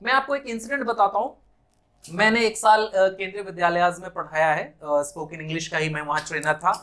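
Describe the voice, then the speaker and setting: Male teacher, Bihari Hindi accent, fairly high voice, patient and explanatory, stretches demo words, slow English asides. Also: steady tone, pushed and bright. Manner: slips into slow, deliberate English phrases. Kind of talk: classroom lesson.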